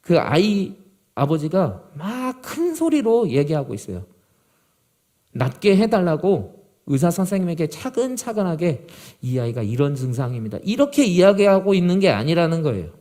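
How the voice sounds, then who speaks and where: A male pastor preaching a sermon to a youth group, swinging from loud, urgent emphasis to low, quiet gravity. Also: big pitch swings, normal speed.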